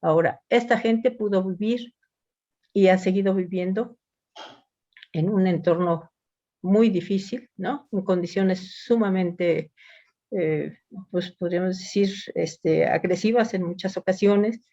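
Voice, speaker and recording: A woman in a seminar reflecting at length, appreciative and hesitant, pausing on fillers. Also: medium pitch, mellow, dull audio. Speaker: seminar participant. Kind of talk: seminar commentary.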